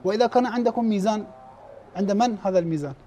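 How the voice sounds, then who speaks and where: A very high-voiced man teaches recitation to a class, describing in a straightforward way how errors get graded and slowing his pace when he demonstrates verses. His voice is mellow, with slight background noise. Restarted words and throat-clearing come up often.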